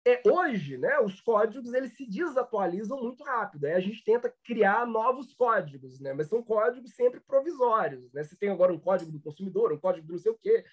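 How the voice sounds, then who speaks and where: A man's voice: sits high, animated, a little fast, hardly any pauses, highs cut off. A Brazilian man, a law professor, giving a lecture with many fillers and restarts. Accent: Brazilian Portuguese. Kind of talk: online lecture.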